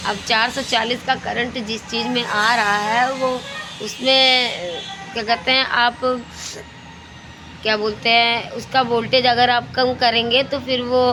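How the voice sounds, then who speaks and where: This recording, with clear ambient and vehicle noise behind it, features a middle-aged Indian woman whose voice is a little high and flat, delivered at a measured pace. As a lifestyle vlogger, homemaker and mother, she chats about her daily routine in a casual way, repeating phrases and groping for words.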